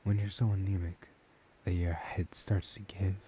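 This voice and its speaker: In a soft-spoken ASMR roleplay, a man plays a dominant, menacing, seductive male vampire hypnotizing his prey. He speaks slowly and hushed in a low, natural, flatly delivered voice, lapsing into breathy whispers with deliberate pauses, over an audible background hiss.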